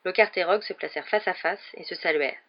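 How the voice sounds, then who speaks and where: A man's voice: high-pitched, fast. Man reading a novel aloud, lo-fi. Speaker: audiobook reader. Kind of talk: read-aloud narration of a novel. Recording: dull lo-fi recording.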